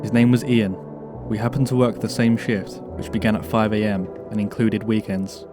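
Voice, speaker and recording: A man calmly reading a true scary story aloud as a narrator, in a measured, steady way. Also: fairly low pitch. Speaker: narrator reading submitted stories. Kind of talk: scripted horror story narration. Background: background music.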